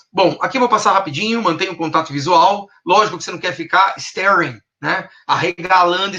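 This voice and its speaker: A man with a Brazilian Portuguese accent giving a workshop lecture on communication, energetic and acting out vocal intonations as he teaches. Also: fairly high pitch. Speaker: communication trainer. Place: lecture stage.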